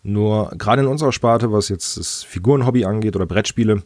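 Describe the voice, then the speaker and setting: A man's voice: fairly low pitch, quick pace, darkish tone, no room sound, studio quality. A man with a slightly congested, snotty nose, casually hosting a podcast. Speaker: podcast host.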